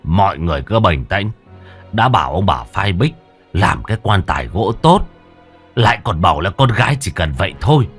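A man voicing a gruff, bossy older male village undertaker who scolds the mourners. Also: deep voice, big pitch swings, moderate pace, soft background music, full character voice. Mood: brusque scolding. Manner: brusque, scolding.

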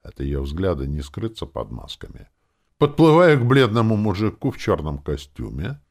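Мужчина читает фэнтези-аудиокнигу от первого лица, драматично, то мрачно, то насмешливо. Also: male voice, low voice, sing-song, normal speed, creaky, a little mellow. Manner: dramatic, swinging between grim and mocking. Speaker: audiobook narrator. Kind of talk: first-person audiobook narration.

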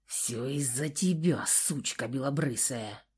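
A woman voicing a brutal male thug who growls threats in a hoarse voice. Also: a little high, lively intonation, takes it slowly, exaggerated voice. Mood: menacing. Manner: snarling, menacing.

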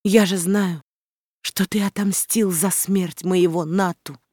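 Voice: medium pitch, fairly even intonation, slow, a little mellow, dry recording, clean studio sound. The audiobook reader voicing an anguished village mother who cries out and pleads with her adopted son. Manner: crying out, pleading.

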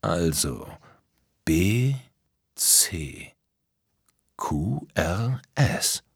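A man voicing a clever, thoughtful little storybook hero who speaks slowly. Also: low-pitched, expressive, vocal fry, slightly rough, no room sound, clean studio sound, heavily acted. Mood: knowing. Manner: slow and thoughtful. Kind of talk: storybook character voice.

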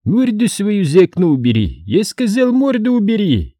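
A sly, menacing militant captor, as a man voices him for an audiobook, speaking in a raised, lively pitch. He barks orders and mocks with feigned surprise. The voice is husky and warm, and the recording is dry. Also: measured pace, dry recording, full character voice. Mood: mocking. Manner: mocking, commanding, feigning surprise. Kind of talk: audiobook character reading.

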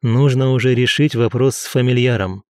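A man voicing a young male academy student who speaks in a wry, brisk way. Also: mid-range voice, steady tone, clear, resonant tone, no room sound, studio quality, lightly acted.

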